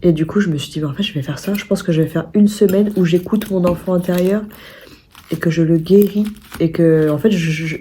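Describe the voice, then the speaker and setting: A woman's voice: fairly low pitch, a little fast, mellow, a little hiss or hum. A young woman vlogging at home in a rambling, chatty way, full of restarts and fillers. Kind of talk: casual vlog chat. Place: at home indoors.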